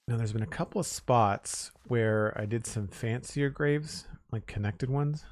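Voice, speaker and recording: A man live-streams a building game, chatting casually as he thinks aloud in an unhurried, rambling way. His mid-range voice is raspy and slightly hoarse.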